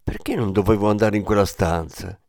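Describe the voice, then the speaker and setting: A man's voice: on the low side, fairly even intonation, fairly quick, creaky, a little mellow, no room sound, clean studio sound. A man voicing a curious, thoughtful ten-year-old boy in an audiobook, asking earnest questions. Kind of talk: audiobook reading.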